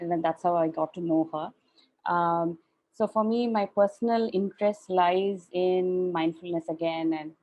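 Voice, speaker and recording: Lowish-voiced woman coach, halting self-introduction over a video call. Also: darkish tone, low-quality recording. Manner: hesitant, many fillers. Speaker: coach and co-facilitator.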